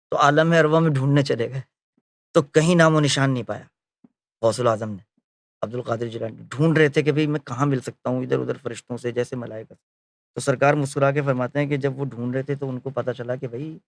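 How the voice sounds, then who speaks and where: A man speaking at medium pitch recounts his memories of a spiritual leader as a story and acts out the conversations he quotes. He often pauses on fillers and corrects himself, and there's no echo.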